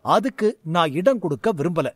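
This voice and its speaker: A man's voice: sits high, lively intonation, normal speed, breathy edge, dry recording, studio quality. Hot-tempered proud magic teacher, as a man puts him on. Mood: indignant.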